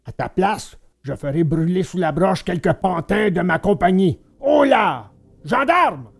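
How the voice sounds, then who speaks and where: A man voicing a gruff bearded male puppet master with a hollow, gravelly voice, barking orders though soft at heart. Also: high voice, moderate pace. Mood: commanding. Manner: barks orders, then softens.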